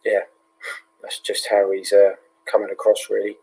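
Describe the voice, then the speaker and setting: A British man keeps his voice hushed, almost whispering, as he gives relaxed live fight commentary with plenty of ums and yeahs. His tone is low and husky and stays quite flat. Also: normal speed, low-quality recording. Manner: speaking hushed, half-whispering; relaxed, with many fillers like um and yeah. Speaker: host of a live fight watch-along.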